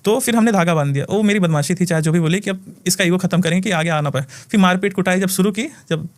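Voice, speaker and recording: A man who works as a spiritual healer, telling a story in an animated way and often laughing, in a casual podcast chat. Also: sits high, fast.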